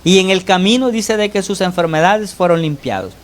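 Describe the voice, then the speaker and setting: A man preaching a sermon to his congregation, often pausing to call on the brothers and ask "¿verdad?", his voice rising and falling sharply between phrases. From El Salvador. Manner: pitch and loudness swing widely between phrases. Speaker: lay preacher.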